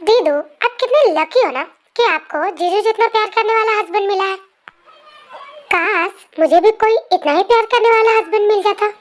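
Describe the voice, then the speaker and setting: A woman's voice: very high voice, normal speed. A woman voicing a cheeky, whiny teenage younger sister in a fan story narration, talking with a pout. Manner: whiny, pouting. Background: faint music.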